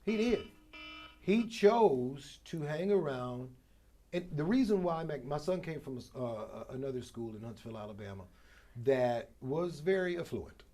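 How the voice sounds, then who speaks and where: Mellow and mid-range, the voice belongs to a middle-aged American man who directs radio programming and hosts a morning show. Being interviewed, he tells animated, polished stories with emphatic repetition of phrases.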